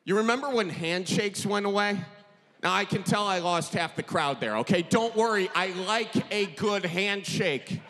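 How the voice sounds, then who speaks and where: A stand-up comedian in his thirties, with an Upper Midwestern American accent and a voice that sits high, performs animated, folksy material at a moderate pace. He holds a handheld mic close on a large theater stage before an audience. The room is reverberant, with faint crowd noise.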